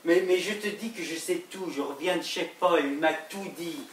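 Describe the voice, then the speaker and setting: A man's voice: fairly high pitch, close to an everyday voice. A man playing a suspicious jealous husband on stage. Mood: tense, accusing. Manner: probing, accusing, slow pointed questions. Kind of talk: stage play acting. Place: theater stage. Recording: roomy, distant stage recording with faint hiss.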